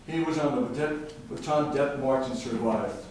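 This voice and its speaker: A man's voice: mid-range voice, normal speed, darkish tone. An older man giving an earnest, patriotic public comment at a city council meeting. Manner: earnest, patriotic, tells jokes. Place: council chamber. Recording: very echoey room, distant mic, faint noise.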